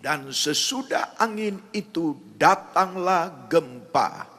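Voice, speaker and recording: A man reading scripture aloud in a measured, steady way during a prayer service. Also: on the high side, slightly rough. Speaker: scripture reader.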